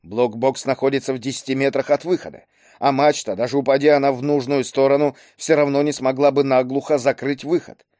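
Male audiobook reader, measured storytelling, dry recording. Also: mid-range voice, steady tone, a little mellow, no room sound. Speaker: narrator. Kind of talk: audiobook narration.

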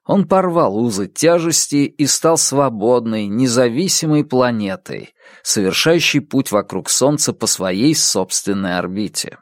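A man narrating an audiobook in an expressive, measured reading. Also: mid-range voice, no echo, studio quality. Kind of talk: scripted narration.

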